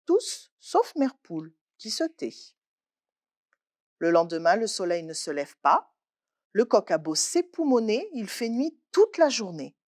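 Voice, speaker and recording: A woman librarian reading a children's picture book aloud with expressive storytelling. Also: mid-range voice. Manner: expressive, slow, lively delivery.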